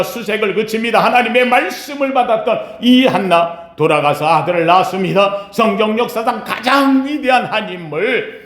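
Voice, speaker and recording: A male pastor delivering an emphatic sermon, with sharp rises and slow, low falls. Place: church sanctuary. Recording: echoey church sanctuary.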